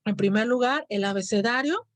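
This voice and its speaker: A woman with a Mexican accent teaches a class, explaining patiently and asking her students whether they follow. Her voice sits fairly high, and the recording is dry and close. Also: normal speed, no echo. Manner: explanatory, asks students questions. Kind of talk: classroom lecture.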